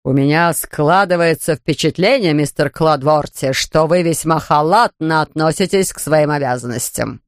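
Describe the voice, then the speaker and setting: A reader voicing a stern, pompous older male judge who speaks slowly and gruffly. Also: medium pitch, dry recording, studio quality, lightly acted. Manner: slow, gruff, barking.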